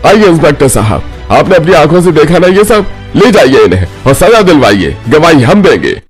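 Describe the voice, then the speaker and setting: A man voicing an indignant, protective father-in-law in an animated family drama, commanding and outraged. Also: on the high side, fairly quick, soft background music.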